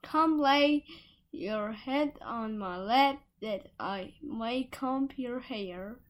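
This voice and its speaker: A woman voicing a cruel, scheming wicked stepmother in a storybook reading, soft and coaxing. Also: fairly high pitch, drawn-out words, voice pushed up. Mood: sly coaxing.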